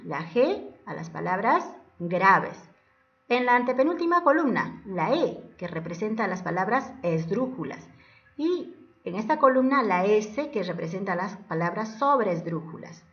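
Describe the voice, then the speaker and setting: Woman teacher with a lively voice, lo-fi. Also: fairly high pitch. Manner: step-by-step, asks questions and answers them herself. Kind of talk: classroom lesson narration. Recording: distant, dull lo-fi mic.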